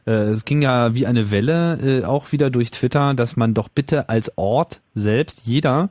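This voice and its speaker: A man's voice: mid-range voice, unhurried, a little mellow, dry recording, studio quality. A man hosting a radio talk show, talking in a thoughtful, casual way with many fillers and hedges. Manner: thoughtful, lots of fillers and hedging words. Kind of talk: casual on-air discussion.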